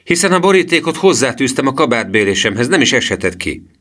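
A man voicing a young schoolboy who speaks loudly and eagerly. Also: medium pitch, sing-song, pitched above the performer's own voice. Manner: loud and eager.

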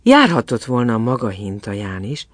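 A man reading a fairy tale aloud in an expressive, storytelling manner. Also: mid-range voice, dry recording.

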